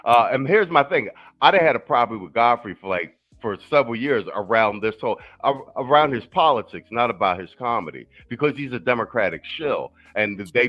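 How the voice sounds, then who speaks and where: A stream host chats loosely and with plenty of profanity, restarting his sentences often in a casual talk-show style. His voice is on the low side and the recording sounds muffled.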